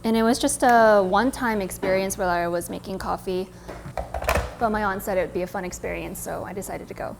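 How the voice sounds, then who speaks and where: A Californian woman in her twenties, a coffee content creator and barista with an American accent, tells her own story to camera in a casual, chatty, reflective way. Her medium-pitched voice is brisk and creaky, with background noise behind it.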